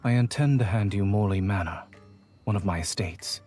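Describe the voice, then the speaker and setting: An actor playing a reserved, formal young noble bachelor in a game, speaking in stiff, old-fashioned phrasing with a refined accent. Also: male voice, on the low side, moderate pace, a little mellow, faint music behind, close to an everyday voice. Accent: non-standard refined accent. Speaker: game character voice.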